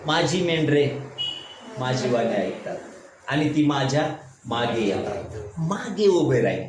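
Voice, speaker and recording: A man's voice: medium pitch, animated, a little slow. A pastor leading a Bible study. He asks the congregation questions, answers them himself and keeps asking "right?". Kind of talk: Bible study sermon with call-and-response questions. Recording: echoey room with background noise.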